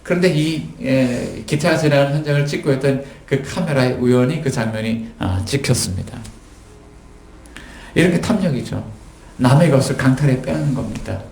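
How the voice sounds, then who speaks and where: A man preaching a sermon as pastor, telling stories and acting out quoted lines with sudden jumps in pitch. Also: normal speed, vocal fry, a little mellow. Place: church sanctuary. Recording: echoey church hall.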